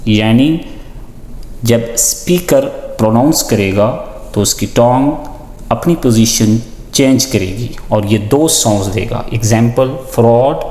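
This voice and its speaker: A man teaching a lesson with on-screen examples, deliberately listing and repeating example words. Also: medium pitch, warm tone. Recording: echoey, reverberant room.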